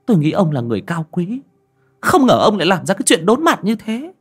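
A man's voice: huge pitch swings, fairly quick, breathy edge, heavily acted. A man putting on a fierce, vengeful young widow. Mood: scolding. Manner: shrill, scolding, menacing.

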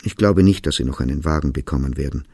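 A man voicing a calm, polite monk who answers in a plain, measured way in a storybook reading. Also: extremely low pitch, creaky, breathy edge, no room sound, clean studio sound, voice pushed down, exaggerated voice.

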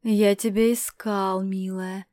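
A woman voicing a brash, menacing male stranger who mocks and threatens, loud and leering. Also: medium pitch, level tone, slow, no echo, natural voice. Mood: sneering.

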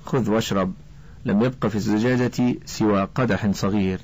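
A man voicing a rough, menacing horseman in a storybook, speaking harshly and threateningly. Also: on the low side, fairly even intonation, normal speed, a little mellow, lightly acted.

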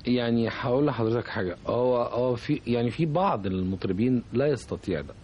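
Casting: Egyptian man, warm mellow tone, thoughtful radio guest who hesitates as he talks. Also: medium pitch, fast talker, dull audio, a little hiss or hum. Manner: reflective, hesitant, searching for words. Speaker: composer, guest. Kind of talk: radio interview.

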